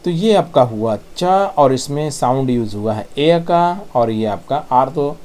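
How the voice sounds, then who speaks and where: A man, patiently explaining English sounds on slides and repeating them slowly. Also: mid-range voice, lively intonation, a little mellow. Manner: patient, repeats sounds slowly, says "thik hai" often. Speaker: English pronunciation teacher. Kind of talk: tutorial explanation.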